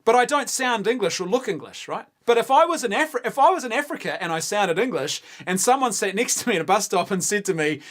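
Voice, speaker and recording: A man's voice: high-pitched, expressive, quick pace, hardly any pauses, a bit bright. A man, co-hosting a casual debate, arguing his point earnestly and insistently, with stumbling restarts. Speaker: co-host.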